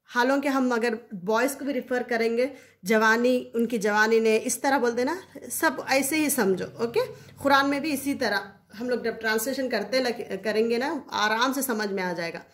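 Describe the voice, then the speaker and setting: A woman's voice: on the high side, moderate pace. A woman teaching Quranic Arabic grammar in a casual explanatory lesson, often repeating key terms for her listeners.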